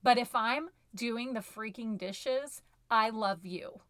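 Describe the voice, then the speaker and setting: A woman's voice: a little high, takes it slowly, a bit bright, dry recording, studio quality. A woman co-hosting a casual podcast as a choir director, blunt and joking in her delivery.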